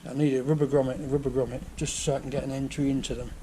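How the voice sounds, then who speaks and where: A man's voice: mid-range voice, level tone, very fast, warm tone, low-quality recording. An older man with a Yorkshire accent, chatting casually as he explains each step of a restoration job in his workshop. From England. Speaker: vlogger restoring a tractor. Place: home workshop. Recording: faint background noise.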